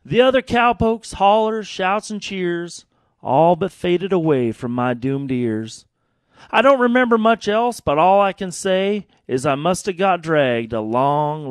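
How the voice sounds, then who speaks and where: A man's voice: a little high, dry recording. An American man with a folksy cowboy drawl, talking and storytelling as a cowboy poet in a radio studio.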